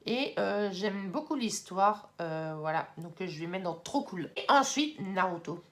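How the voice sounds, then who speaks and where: A young woman in casual vlog talk, chatty with many fillers and excited bursts, now and then moving off the mic. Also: medium pitch, unhurried. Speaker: YouTuber ranking anime. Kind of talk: casual vlog tier list.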